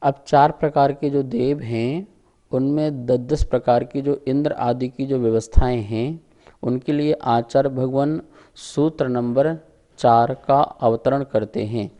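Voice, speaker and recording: In a slow recitation lesson on scripture, a male religious teacher with a medium-pitched, steady, dark-toned voice breaks every term into syllables. He stretches out his words and explains each one step by step.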